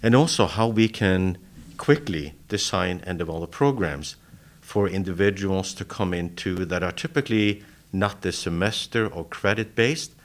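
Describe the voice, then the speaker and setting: A man with a very deep voice answers interview questions. He explains things in a steady, measured way. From Norway. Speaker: college vice president, interview guest.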